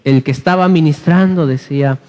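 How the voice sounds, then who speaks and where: A man's voice: a little high, a little fast, a little mellow. A man from Peru preaching a sermon in a church, exhorting the congregation and dropping humorous asides. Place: church hall. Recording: long church reverb.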